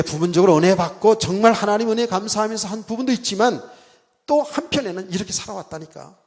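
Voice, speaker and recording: A middle-aged man preaching in a church, his voice high-pitched and swinging widely up and down. He tells stories in an animated way and mimics a shouting preacher, while a long reverb hangs in the sanctuary. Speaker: pastor. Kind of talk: sermon.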